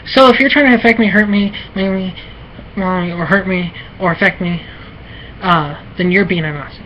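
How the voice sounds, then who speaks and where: American woman, low voice, halting rambling monologue, muffled lo-fi audio, faint background noise. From United States. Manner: halting and repetitive, many fillers and restarts.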